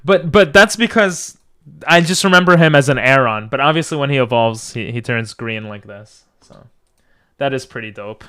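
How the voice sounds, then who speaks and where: A man's voice: medium pitch, normal speed, sharp tone, clear, resonant tone. A man streaming a video game, chatting casually and drifting between asides as he talks to viewers. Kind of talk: casual livestream gaming chat.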